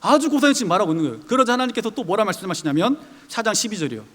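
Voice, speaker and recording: A man's voice: high-pitched, expressive, rapid-fire, fairly bright tone. A male pastor preaching a sermon, animatedly acting out figures and everyday people in dialogue. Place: church sanctuary. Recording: long reverb of a church hall.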